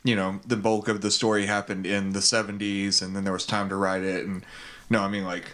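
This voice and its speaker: A relaxed man from Texas co-hosts a podcast from a home studio. He talks in a loose, rambling way, full of fillers. His voice sits a little low. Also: fairly quick. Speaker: podcast co-host. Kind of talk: casual chat.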